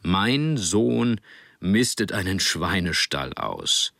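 A man voicing a proud middle-aged father in an audiobook, speaking slowly and fondly. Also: sits low, sing-song, creaky, fairly bright tone, no echo, studio quality, full character voice. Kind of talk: audiobook character reading.

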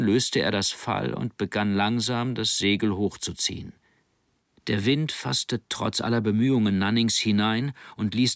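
A man narrating an audiobook in a steady, measured reading. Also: fairly low pitch, vocal fry, no room sound, studio quality. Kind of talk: scripted narration.

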